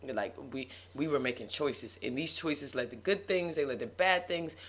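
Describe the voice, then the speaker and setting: A woman in casual conversation about faith, talking with animated, preacher-like emphasis and frequent laughter. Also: sits low, normal speed.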